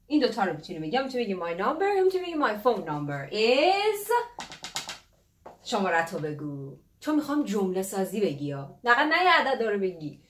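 A woman teaching English numbers in a casual, playful way, laughing often and repeating words slowly to model pronunciation. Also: medium pitch, very animated, roomy sound, slight background noise. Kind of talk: casual spoken lesson.

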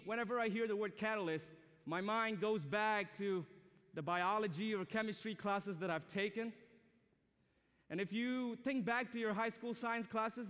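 A young man preaches a sermon to students with earnest politeness and a conversational manner. He's from Myanmar and speaks English, with a language of Myanmar as his mother tongue, and his voice is high-pitched and a bit bright. As a guest preacher on a large auditorium stage, he's recorded in a reverberant hall.

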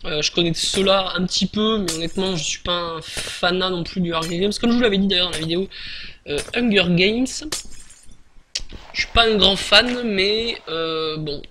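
Guy rambling over a game he's playing, high bright voice, lots of uh and restarts, faint hiss and clicks. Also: normal speed. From France. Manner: chatty, hesitant, many fillers and restarts. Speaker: gaming YouTuber. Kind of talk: casual gameplay commentary.

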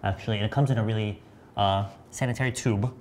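A man's voice: on the low side, steady tone, fast, darkish tone, a little hiss or hum. Joking, chatty man hosting a beauty livestream. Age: 30s. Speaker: makeup artist and livestream host. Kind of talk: casual livestream chat. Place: bright studio set.

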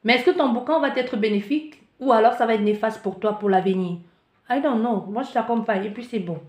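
A woman's voice: on the high side, a little fast. A woman giving spiritual guidance from a card reading, talking with animation and often restarting or searching for words. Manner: animated, acts out the listener's panic in asides. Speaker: tarot card reader. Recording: echoey room.

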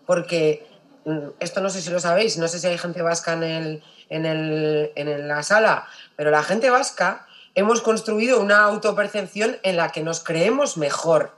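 A woman's voice: fairly low pitch, normal speed. A woman with a Basque Spanish accent, speaking emphatically and bluntly as a panelist in a discussion. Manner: emphatic, blunt, casually profane.

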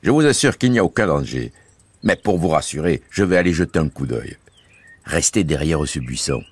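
A man voicing Bouzig, a cheeky, breezy male canal keeper who talks in loud, coaxing exclamations. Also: rumbling low, animated, moderate pace, husky, dry recording, exaggerated voice. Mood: reassuring.

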